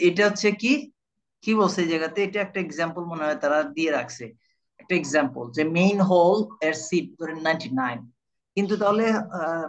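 A man's voice: on the high side, dull audio. A man from Bangladesh teaching an IELTS class live online, repeating key words and often checking whether his students follow. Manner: repetitive, keeps checking understanding with students.

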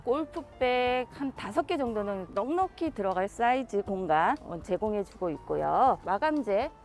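A woman with a fairly high voice and very animated intonation gives a used car walkaround. Her delivery is polished, reassuring sales patter in a formal register. Soft music runs behind her. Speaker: used car dealer presenter.

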